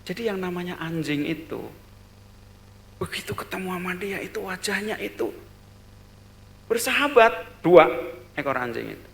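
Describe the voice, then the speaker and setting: A man with a bright, forward voice gives a storytelling lecture at a business seminar. He talks in short bursts, repeating words and adding little fillers as he goes. His loudness rises and falls sharply as he builds the tale. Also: high-pitched, normal speed, gravelly, pauses often. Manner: animated storyteller, voice swelling loud then dropping soft; repeats words and tags phrases with "gitu". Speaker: seminar speaker.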